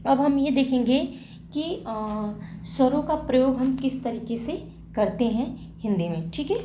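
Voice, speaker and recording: A woman teaching grammar in a slow classroom way, asking questions and then answering them herself, and repeating key terms. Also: high voice, lively intonation, mellow. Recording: echoey room with faint hiss.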